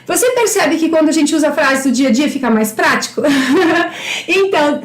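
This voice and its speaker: High-voiced Brazilian woman teaching English. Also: lively intonation, roomy sound. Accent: Brazilian Portuguese. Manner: encouraging, repeats English phrases slowly. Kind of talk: live-streamed English lesson.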